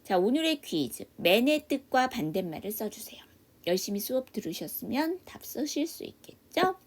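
A woman teaching English pronunciation in an online class, asking questions and answering them herself, often dropping to a soft half-whisper. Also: fairly high pitch, sing-song, moderate pace. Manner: patient step-by-step drilling, asks and answers own questions. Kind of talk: online phonics lesson. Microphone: computer mic for a video class.

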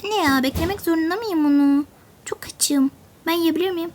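A woman's voice: very high voice, moderate pace, darkish tone, a little hiss or hum, voice pushed up. A woman voicing a hungry young boy in a toy game role-play, whining and complaining. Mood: whiny. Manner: whiny, complaining.

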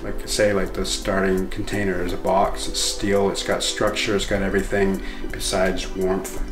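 A middle-aged man giving a casual tour of his container cabin, relaxed and hesitant with fillers. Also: sits low, moderate pace, echoey room, over music. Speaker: container home builder. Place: outdoors on a hilltop and inside a container cabin.

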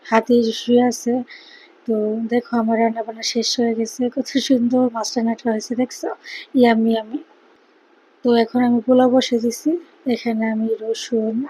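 A tired mother with a Bangladeshi Bengali accent speaks in a hushed cooking vlog voice-over, keeping quiet so she won't wake her sleeping child. Her voice sits fairly high but sounds husky and dark. She talks in a flat, even line with little rise and fall. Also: rough recording. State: tired after a sleepless night.

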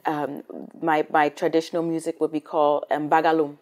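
A Cameroonian woman, a singer and rapper appearing as a guest, answers interview questions eagerly in a hotel room set, telling stories with enthusiasm and repeating words. Her voice is low and a little mellow, with a flat delivery and a slightly fast pace.

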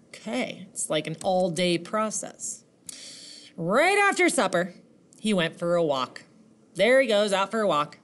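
A woman reading a picture book aloud to children like a teacher, animated, asking questions and counting along. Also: medium pitch.

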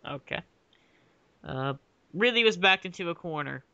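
Casting: young male reader, bright, smooth voice, hams up the drama and giggles, dry close sound. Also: high voice, lively intonation, normal speed, no echo, lo-fi sound. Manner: giggly, jokey, hammy dramatic delivery. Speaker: fanfic reader and uploader. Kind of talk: mock-dramatic comedic reading.

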